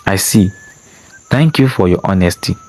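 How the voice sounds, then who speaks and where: A tall, well-dressed travelling trader with a soft, gentle and polite way of speaking, as a man reads him. His voice stays low. He is a figure in a storybook reading. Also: expressive, normal speed. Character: soft-spoken tall male stranger, a trader.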